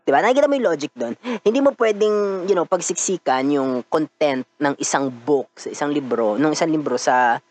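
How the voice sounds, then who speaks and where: A man's voice: fairly high pitch, lively intonation, brisk. Filipino guy hosting a podcast, kinda stuffy from a cold, laughs a lot, just chatting casually. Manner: chatty, laughs often, mixes in English. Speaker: podcast host.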